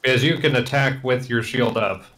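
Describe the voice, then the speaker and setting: A man's voice: mid-range voice, fairly even intonation, normal speed, a bit bright. A man streaming a video game and chatting casually, joking and making puns. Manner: joking, punning. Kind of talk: casual gaming chat. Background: game music.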